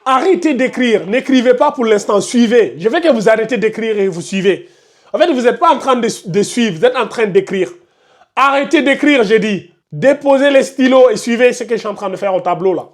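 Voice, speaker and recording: A man's voice: very high voice, expressive, brisk. Insistent man teaching a recitation class. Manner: insistent, repeats explanations step by step, scolds students. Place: classroom with a board.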